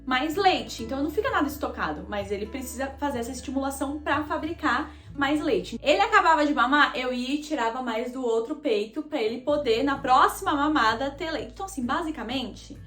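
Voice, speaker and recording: A young Brazilian vlogger tells her viewers a personal story, chatty and confessional, addressing them as "gente" in a Brazilian Portuguese accent. Her high-pitched, fairly bright voice has lively intonation, moving a little fast with hardly any pauses, in a reverberant space.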